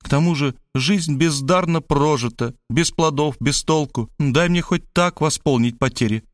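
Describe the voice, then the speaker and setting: Audiobook figure: man raising his voice to play a doting, melodramatic woman, high and gushing, dry close sound. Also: normal speed, no echo, lightly acted. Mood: doting, dramatic. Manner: gushing, pathetic exclamations, high-pitched. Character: pleading, theatrical middle-aged woman, doting and dramatic. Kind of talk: audiobook character voice.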